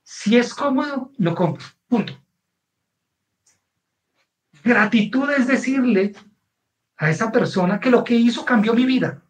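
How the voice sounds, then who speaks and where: A man's voice: extremely high pitch, unhurried, long pauses, rough recording. A man with a Colombian accent, a guest author telling a personal story in conversation and often checking in with his listener. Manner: animated, keeps checking in with the listener.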